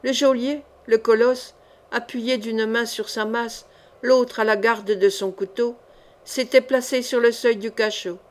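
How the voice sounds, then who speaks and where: A woman's voice: a little high, fairly even intonation, a little slow. A woman reading an adventure novel as an audiobook, voicing the characters with feeling. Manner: voices the characters with changing emotion. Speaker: audiobook reader. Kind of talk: expressive audiobook narration.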